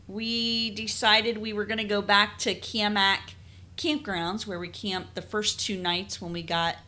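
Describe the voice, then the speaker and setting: A woman's voice: medium pitch, flat delivery, measured pace, pushed and bright. A woman co-hosting a casual travel podcast, leading the chat and retelling the day from her notes. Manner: chatty, leads the story from her notes. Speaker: podcast co-host.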